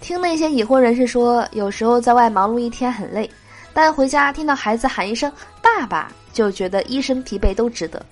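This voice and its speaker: A woman's voice: on the high side, brisk, faint music behind. Cheerful woman with a stuffy nose. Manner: cheerful, laughs at her own jokes. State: nasal from a cold. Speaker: host of a joke show. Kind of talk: reading jokes aloud.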